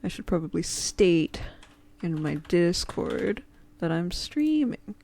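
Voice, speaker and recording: A woman's voice: lowish voice, very animated, slow, creaky, dark tone. A woman hosting a casual stream chat, rambling with many fillers and frequent giggles. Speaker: streamer and host.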